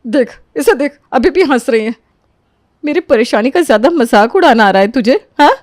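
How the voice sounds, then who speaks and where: Woman doing a touchy aunt in a cartoon, scolding and complaining, kinda high, dry sound. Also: animated, normal speed, a little mellow, no room sound. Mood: offended, angry. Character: aggrieved middle-aged aunt, touchy and vindictive. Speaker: Bua ji, the visiting aunt.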